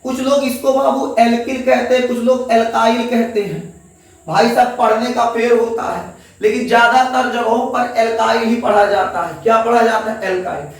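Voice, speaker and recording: A man's voice: extremely high pitch, fairly even intonation, moderate pace. A male teacher with a lilt gives a classroom chemistry lecture, coaxing students and repeating each answer back as a question. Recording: echoey room, voice from a distance.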